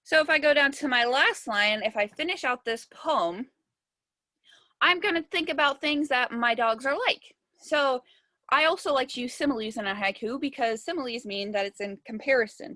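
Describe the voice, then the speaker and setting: Young woman music teacher, patient step-by-step delivery, slightly high pitch, dry recording. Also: bright, forceful tone, no room sound. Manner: patient, step-by-step explaining, sounding words out slowly. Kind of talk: virtual classroom lesson.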